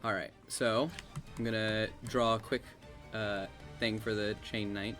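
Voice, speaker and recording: A man's voice: lowish voice, little pitch movement, measured pace, fairly bright tone. Guy dm-ing a tabletop game, keeps tripping over his words, online call, bit of music under it. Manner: hesitant, stumbling restarts. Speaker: dungeon master. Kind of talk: casual tabletop game chat.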